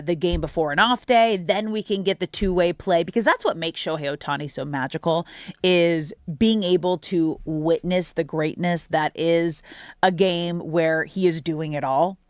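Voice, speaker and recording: A woman's voice: lowish voice, clear, resonant tone, no echo, studio quality. An American woman hosting sports radio, talking casually and emphatically straight to her listeners. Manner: conversational, emphatic, addresses listeners as you guys.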